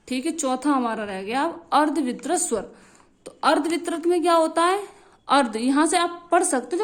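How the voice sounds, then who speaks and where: A young woman teaching a lesson, repeating key phrases and checking in often with her students. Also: sits high. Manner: repetitive, drilling phrases, frequent checks like "theek hai".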